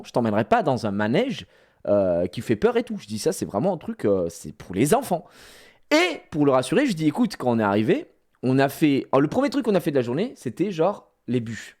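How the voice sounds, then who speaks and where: A man's voice: mid-range voice, a little mellow. A man in his thirties, rambling through a casual live-stream story with many fillers and restarts. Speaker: streamer recounting a theme park outing.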